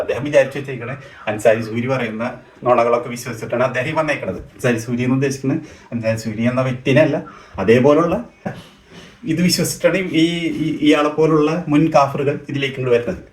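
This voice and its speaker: Quick sarcastic guy picking apart claims, roomy echo around him. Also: medium pitch, steady tone. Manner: sarcastic, mocking. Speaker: rationalist commentator. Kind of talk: critical commentary.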